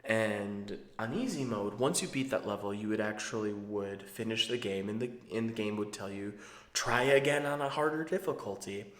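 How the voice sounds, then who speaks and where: A man's voice: fairly low pitch, moderate pace. Male vlogger, thirties, rambling conversational commentary, noticeably echoey recording. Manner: digressive, conversational. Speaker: video channel host. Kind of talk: casual, rambling retro game commentary. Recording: roomy, echoing sound.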